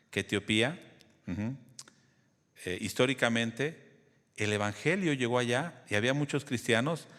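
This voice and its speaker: A man's voice: mid-range voice, fairly bright tone, big-room sound. A man preaching a sermon, teaching in a conversational way and often asking the congregation questions. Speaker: pastor.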